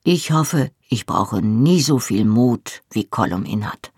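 An audiobook reader voicing a tall young man who speaks calmly and firmly to his little cousin. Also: medium pitch, takes it slowly, slightly rough, no room sound, studio quality, voice pushed down. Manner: firm, calm. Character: tall young husband, calm and patient.

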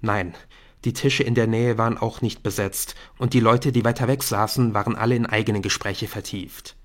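A man narrating an audiobook in an expressive storytelling manner. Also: lowish voice, normal speed.

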